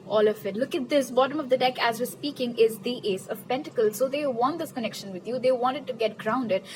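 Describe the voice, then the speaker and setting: Tarot reader, woman, slightly high voice, animated and chatty. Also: a little fast, slight background noise, poor audio. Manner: chatty, animated, repeats questions to Spirit; laughs at her own jokes. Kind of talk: casual pick-a-card tarot reading.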